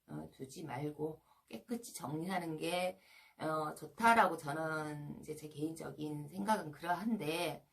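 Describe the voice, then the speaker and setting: Gravelly woman counselor, halting talk. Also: on the low side. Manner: many filler sounds, slow and hesitant. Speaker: shaman counselor. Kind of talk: solo broadcast talk.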